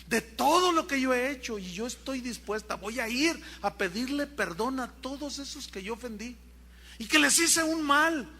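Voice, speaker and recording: Preacher guy doing a weepy churchwoman, high and bright, pleading and earnest. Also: animated, normal speed, full character voice. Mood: tearful earnest. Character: tearful middle-aged churchwoman, newly converted.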